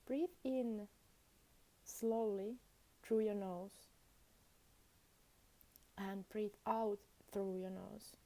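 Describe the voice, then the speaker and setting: A woman teaching meditation speaks in calm, brief phrases, pausing at length between them. Her mid-range voice stays steady and warm.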